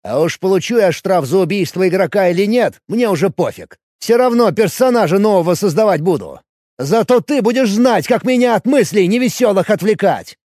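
A man voicing a belligerent, coarse male elf warrior who yells threats in an audiobook. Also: sits high, animated, fairly quick, dry recording, studio quality, voice pushed up. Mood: threatening. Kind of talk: audiobook character voice.

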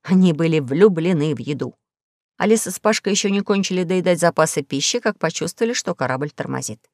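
A woman narrating a children's audiobook in a lively storytelling manner at a close studio mic. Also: on the low side, quick pace, no echo. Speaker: audiobook reader. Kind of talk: scripted narration.

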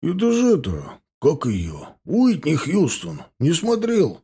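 Simple, slangy man-voiced bandit, lively and husky. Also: fairly high pitch, slow, voice pushed up, heavily acted. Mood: easygoing. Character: simple-minded male bandit, easygoing and pushy.

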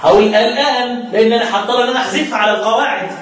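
A man with an Egyptian accent teaching a religious lesson, chanting verses slowly and then explaining them in colloquial speech with questions to his students. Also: very high-pitched, fairly bright tone, slight background noise. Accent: Egyptian Arabic. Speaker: Quran recitation teacher. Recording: very echoey room, mic far off.

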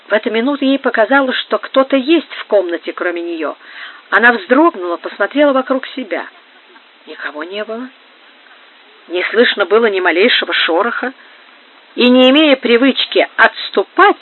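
Audiobook narrator on a tinny line. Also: medium pitch. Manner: measured, even literary reading. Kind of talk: audiobook reading of a historical novel. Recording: phone-like narrow band.

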